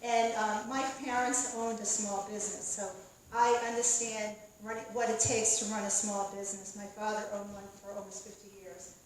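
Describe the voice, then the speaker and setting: A woman's voice: medium pitch, little pitch movement, normal speed, slight background noise. A woman candidate gives a hesitant debate speech, full of fillers, losing her train of thought. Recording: echoey room from far off.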